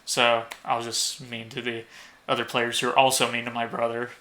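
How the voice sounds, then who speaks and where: A young man co-hosting a podcast, telling rambling stories full of swearing and loudly acted-out quotes. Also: medium pitch, level tone, fairly quick. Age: young adult. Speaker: podcast co-host. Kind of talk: casual podcast chat.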